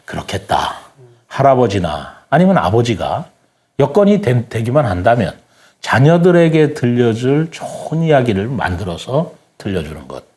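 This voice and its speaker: A man with a mid-range, slightly mellow voice talks at normal speed, his pitch swinging widely. He's a guest writer on a reflective talk show, earnestly explaining things and telling stories in polite, formal speech.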